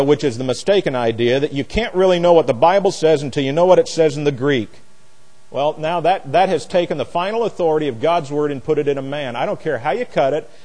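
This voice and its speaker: A pastor leading a Bible study delivers an expository sermon in a somewhat high, slightly mellow male voice. His preaching is emphatic and opinionated, plain-spoken and folksy.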